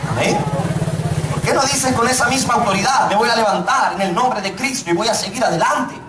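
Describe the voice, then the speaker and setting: A middle-aged man preaching to a youth congregation, his voice pitched very high. He jokes with the crowd and then drags out key phrases. The room is echoey and the mic sits some way off. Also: far from the mic, heavy background noise. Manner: joking, calls out to the congregation, preaches slowly for emphasis. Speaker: pastor. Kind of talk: sermon. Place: church hall.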